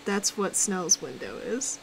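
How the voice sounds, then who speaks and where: A woman streaming a game and chatting casually, excitable and teasing, with sudden loud exclamations. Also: medium pitch, slow pace, vocal fry, a little hiss or hum, poor audio. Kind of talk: casual gaming chat.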